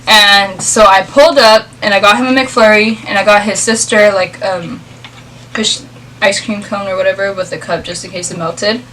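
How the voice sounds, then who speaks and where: A woman's voice: medium pitch, steady tone, moderate pace, sharp tone, far from the mic, slight background noise, poor audio. A young adult woman chatting casually as she tells a story, in informal speech peppered with "like". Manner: informal, filler-heavy speech with frequent "like". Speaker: vlog co-host.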